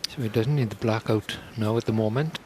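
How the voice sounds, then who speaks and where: A man giving conversational live snooker commentary in an informal, unhurried manner. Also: lowish voice, noisy background.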